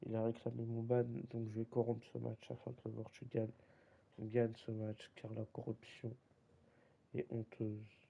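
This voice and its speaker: A man's voice: medium pitch, monotone, normal speed, gravelly, mellow, husky. A young man streaming a football game live, chatting casually in slang and teasing his viewers. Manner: slangy, teasing, keeps saying "gros". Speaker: streamer running a football league. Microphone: desk microphone.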